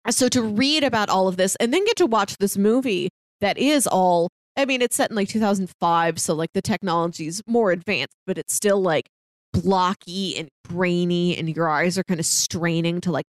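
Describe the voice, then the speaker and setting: A woman with a lowish voice, moderate pace, and no echo co-hosts a podcast, chatting casually about films and giving recommendations. She's conversational and chatty, sprinkling "like" heavily through her sentences.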